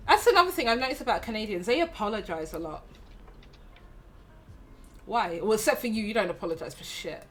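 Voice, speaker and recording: A woman hosting a livestream chats in a teasing, affectionate way and laughs often. Her pitch sits in a middling range. A faint hiss runs under her voice. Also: animated, brisk, long pauses. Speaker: streamer host. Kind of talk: casual stream chat.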